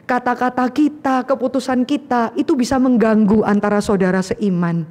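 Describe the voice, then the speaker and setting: A woman preacher giving a sermon, telling the story in a lively way with casual slang and acting out the voices of the people in it. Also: fairly high pitch, moderate pace, in a large hall.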